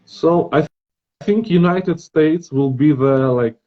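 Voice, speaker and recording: A man's voice: fairly high pitch, measured pace, dull audio. A man from Belarus speaking with a Belarusian accent, a guest on a casual podcast, hesitant and searching for his words. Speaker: guest artist.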